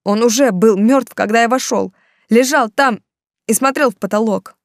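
A woman's voice: on the low side, fairly even intonation, normal speed, darkish tone, dry recording, studio quality, natural voice. A woman voicing an agitated, defiant young man in love, in an audiobook. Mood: shaken. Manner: agitated, outbursts.

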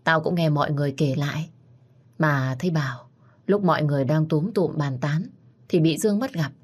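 A woman's voice: deep voice, a little fast. A woman voicing a blunt, chatty female friend passing on office gossip.

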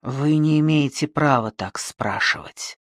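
A reader voicing a tormented male killer who breaks into hysterical, fervent shouting in an audiobook. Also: mid-range voice, no room sound, clean studio sound, lightly acted. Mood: raving. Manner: slow, halting, fervent. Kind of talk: audiobook reading.

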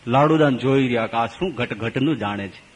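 Animated Gujarati man telling a sermon story. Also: fairly quick, breathy edge, big-room sound, poor audio. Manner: animated, acts out characters' voices with big pitch jumps. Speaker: swami giving a scripture discourse.

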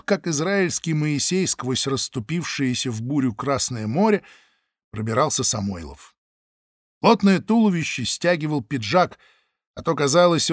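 A man narrating a novel in a vivid, storytelling manner. His slightly high voice swings widely in pitch. The recording is dry and close. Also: no room sound. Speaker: audiobook narrator. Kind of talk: scripted narration.

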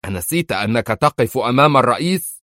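A man's voice: mid-range voice, animated, quick pace, a bit bright, no echo, studio quality, pitched above the performer's own voice, lightly acted. A man reading an audiobook and voicing an angry male American president who speaks with agitation.

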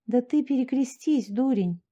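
A woman voicing a calm, weary young village wife who answers quietly. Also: mid-range voice, slow pace, dull audio.

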